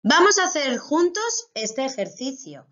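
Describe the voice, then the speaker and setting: A woman's voice: high voice, sing-song, measured pace, a bit bright, muffled recording. A female primary school teacher with a Spain Spanish accent, giving a recorded online grammar lesson to children and explaining patiently step by step.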